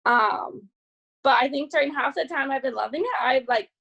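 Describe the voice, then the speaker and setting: A woman's voice: sits high, moderate pace, gravelly, fairly bright tone, highs cut off. A young woman from California, a podcast guest chatting casually, laughing often and filling her talk with "like". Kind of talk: casual chat.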